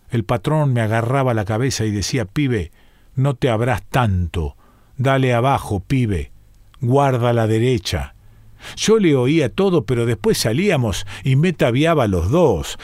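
A man's voice: mid-range voice, a little mellow, no room sound, studio quality. A man with a Rioplatense Argentine accent reading a short story aloud, speaking as an ailing bedridden former boxer in a rambling, confiding, colloquial way. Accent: Rioplatense Argentine Spanish. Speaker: reader.

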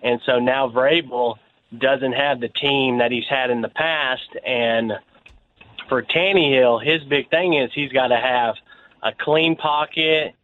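A man calling in to a sports talk show over the phone, speaking earnestly with some halting fillers. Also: medium pitch, fairly even intonation. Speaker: caller. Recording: tinny phone line with faint noise.

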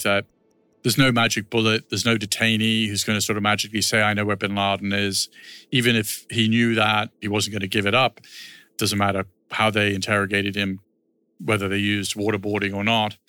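A man's voice: fairly low pitch, level tone, fairly quick, bright, forceful tone, clean tone, no echo, soft background music. A man speaking as an expert commentator in an unscripted interview, conversational and explanatory.

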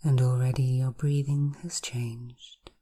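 Woman hypnotherapist for a guided session: very deep voice, dark tone, soft and half-whispered, with slow repeated suggestions. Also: flat delivery, slightly rough.

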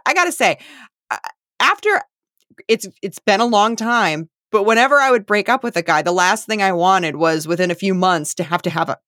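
Woman cohost, bouncy lively voice, candid chatty recap talk, dry mic. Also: lowish voice, no echo. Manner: animated, candid, quick reactions. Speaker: podcast co-host. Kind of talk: casual recap chat.

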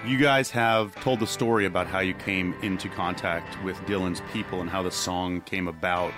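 A man's voice: sits low, fairly even intonation, moderate pace, music in the background. Upbeat jokey podcast host, a man. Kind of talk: casual interview chat.

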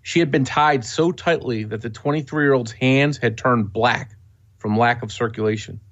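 A man co-hosting a podcast, reading a scripted true-crime narration in a steady, matter-of-fact way. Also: medium pitch, moderate pace, lo-fi sound. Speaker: podcast co-host.

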